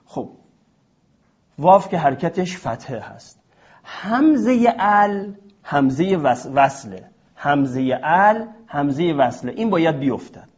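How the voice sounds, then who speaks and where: A male teacher delivers a classroom lecture at a board, walking through a rule step by step. His pitch sits a little high and swings widely as he poses questions to his students. The recording is dull and lo-fi. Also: big pitch swings, darkish tone. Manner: explains step by step with rhetorical questions.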